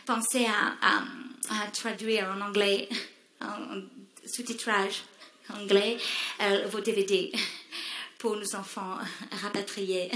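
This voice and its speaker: A woman's voice: medium pitch, level tone, slow pace, a bit bright, roomy sound, a little hiss or hum. A woman doing a showy snobbish Creole mother. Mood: gushing. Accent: Réunion Creole French. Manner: affected, gushing, sprinkles English words. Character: pretentious middle-aged Creole mother, showy traveler. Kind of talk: stand-up character sketch.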